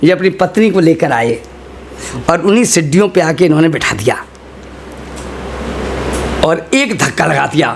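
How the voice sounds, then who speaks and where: A man's voice: fairly high pitch, normal speed, creaky, long pauses, slight background noise. A man telling a comic story on stage as a humorous poet, acting out the characters' lines. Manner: animated, acts out characters' lines.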